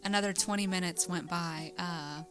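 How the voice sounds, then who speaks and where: A woman's voice: fairly low pitch, steady tone, moderate pace, over music. A young woman co-hosting a podcast, telling a rambling story in casual chat, with lots of "like" and frequent giggles. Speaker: podcast co-host.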